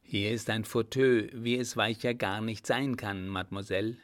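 A man's voice: lowish voice, steady tone, moderate pace, natural voice. A man reading aloud voices a courteous, devoted young working man who speaks eagerly and politely. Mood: helpful.

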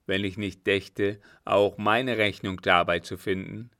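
Grumbly selfish old guy, man putting him on, sneery, slow and low, dry sound. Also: steady tone, fairly bright tone, dry recording. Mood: sardonic. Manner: sardonic, calculating. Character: scheming, selfish old man, gruff and mocking.

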